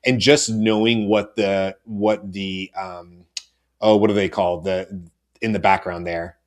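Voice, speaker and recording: A man's voice: deep voice, steady tone, unhurried. A middle-aged man co-hosting a panel show, chatting casually with many fillers and restarts. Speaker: co-host.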